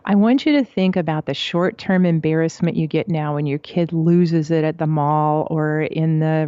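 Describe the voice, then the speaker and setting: A woman's voice: sits low, clean tone, dry recording, muffled recording. A middle-aged woman, a psychologist who is a guest on a podcast, telling a parenting story and acting out the quotes. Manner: animated storyteller, acts out quotes. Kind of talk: conversational interview storytelling.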